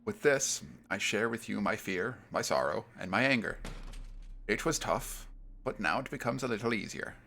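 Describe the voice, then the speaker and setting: A man's voice: lowish voice, lively intonation, normal speed, creaky, pushed and bright, a little hiss or hum, full character voice. A man putting on a weary mustached townsman with an accent. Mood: solemn. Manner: put-on accent, solemn and heavy. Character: weary mustached townsman sharing his sorrow.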